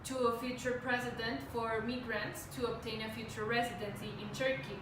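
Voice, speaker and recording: A woman in her twenties from Mexico giving a student class presentation in a steady way, with a few fillers. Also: fairly high pitch, brisk. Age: 20s. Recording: echoey room, far from the mic, background noise.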